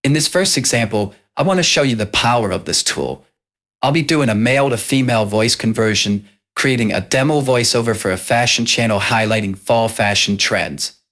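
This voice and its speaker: A man hosting a casual software tutorial, explaining step by step. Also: medium pitch, normal speed. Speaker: tutorial host.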